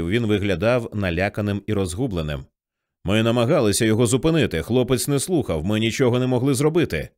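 A man reading a novel aloud as an audiobook narrator, shifting his voice for the characters' lines. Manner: lively, shifts pitch for quoted characters.

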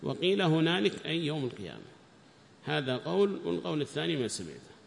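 A man teaching a lesson on a classical Quran commentary. He reads the text aloud slowly, then explains it in a calm teaching tone. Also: fairly high pitch, vocal fry, a little hiss or hum. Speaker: religious teacher. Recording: long hall reverb.

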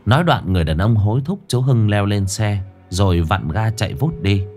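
A male audiobook narrator, telling the story dramatically. His voice sits fairly low but swings through a wide, animated range of pitch. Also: brisk, faint music behind.

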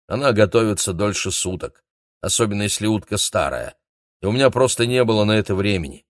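A man's voice: on the low side, a little fast, no room sound, natural voice. A man reading a storybook, voicing a gloomy, matter-of-fact cook close to his own voice. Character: gloomy cook, knowledgeable and dry.

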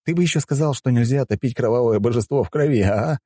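A man's voice: medium pitch, fast, dark tone, no echo, voice pushed up, natural voice. A smug young healer mage, played by a man, mocks his foes in a raised, playful voice. He sounds mock-polite and carefree, recorded close and dry. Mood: teasing. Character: cocky young male healer mage, mocking.

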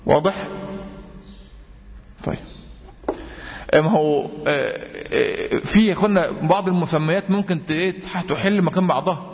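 A man with an Egyptian accent teaching tajweed, quizzing his students with repeated questions and chanting verse examples slowly. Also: fairly high pitch. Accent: Egyptian Arabic. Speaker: Quran recitation teacher. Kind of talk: tajweed lesson. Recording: long reverb.

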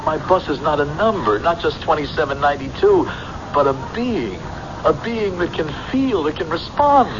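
A man's voice: on the high side, animated, moderate pace, natural voice. A man acting a defensive, dreamily obsessed husband, earnest and insistent, in old-time radio drama style. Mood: fervent, dreamy. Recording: muffled, noisy old radio recording.

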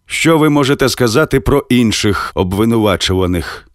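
A man's voice: mid-range voice, animated, no room sound, studio quality, natural voice. A man playing a stern elder judge. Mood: measured. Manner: measured, authoritative. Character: older uncle presiding as judge, calm and firm.

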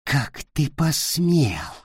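A man voicing a cruel, arrogant tall boy lord in an audiobook, shouting and hissing in fury. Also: medium pitch, big pitch swings, takes it slowly, husky, no echo, studio quality, exaggerated voice. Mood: raging. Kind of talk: audiobook character voice.

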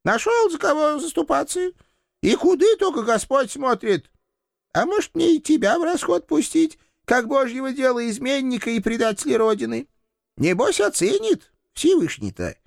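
Man voicing a shrill, creaky old landlady. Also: very animated, normal speed, no room sound, clean studio sound, exaggerated voice. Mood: threatening. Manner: folksy, scolding, threatening. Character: cantankerous old village landlady with a shotgun.

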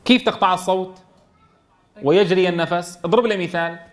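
A man teaching Quran recitation to a class, quizzing students and sounding out letters slowly. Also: high voice. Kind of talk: classroom tajweed lesson.

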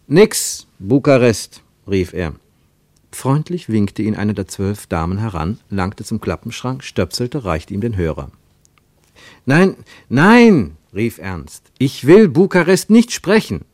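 Male radio-play narrator, low voice with swooping intonation, dry close sound. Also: dry recording. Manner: expressive, animated storytelling. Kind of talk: scripted radio drama narration.

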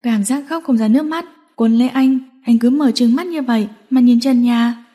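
A woman narrating a romance novel audiobook in a steady storytelling manner. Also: on the high side, normal speed.

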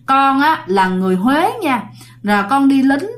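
A dead young soldier's ghost, blunt and scolding as he speaks through the man he has taken over, voiced by a woman. The voice sits a little high. It is pitched as a spoken ghost story. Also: expressive, moderate pace. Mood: pleading. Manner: blunt, scolding, rough-talking.

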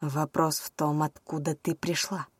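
A woman voicing a cold, menacing male villain who speaks low and slow in an audiobook. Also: level tone, breathy edge, no echo, clean studio sound. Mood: cold menace.

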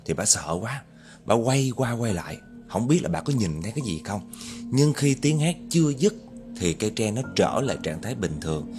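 A man narrates a folk ghost story, talking straight to his audience. His fairly low voice moves a lot in pitch, and faint music runs underneath. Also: normal speed. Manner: lively, dramatic, speaks to listeners directly.

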